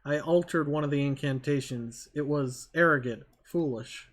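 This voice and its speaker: A man reads game dialogue aloud in character, voicing a solemn, remorseful old mage. His fairly high voice moves at a moderate pace with light acting, delivering a grave, formal confession in archaic language.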